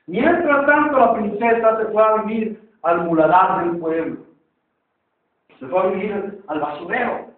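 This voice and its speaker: A male preacher tells a story to his congregation in drawn-out, emphatic phrases. His voice is very high. The recording is thin and phone-like, taken from far off in an echoing church. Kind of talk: sermon with storytelling. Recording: echoey church, far off, tinny.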